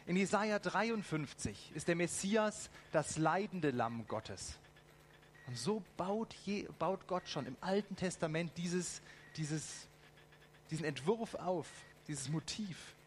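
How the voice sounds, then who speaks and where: Lively German sermon preacher, man. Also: fairly high pitch, slow, slight background noise. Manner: lively, direct questions to the audience; ironic asides.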